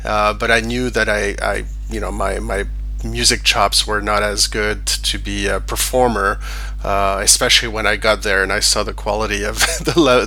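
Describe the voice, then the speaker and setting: A man's voice: lowish voice, bright, forceful tone. A middle-aged man from France, a guest in a casual interview, talking with many fillers and restarts. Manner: hesitant, many fillers and restarts, laughs easily. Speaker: guest, online business owner.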